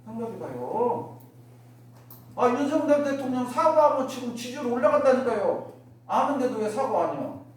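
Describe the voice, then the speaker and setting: With a fairly high, darkish, very animated voice at a moderate pace, a Won Buddhist minister gives a dharma talk to her congregation. She throws out rhetorical questions and mimics everyday remarks in other voices, recorded far from the mic in an echoey hall with faint noise.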